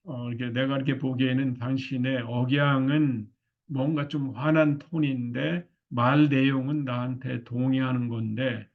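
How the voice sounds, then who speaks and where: Gravelly-voiced man giving a marriage lecture. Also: mid-range voice, narrow, tinny audio. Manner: loose, filler-heavy lecturing with frequent "이렇게" and "어".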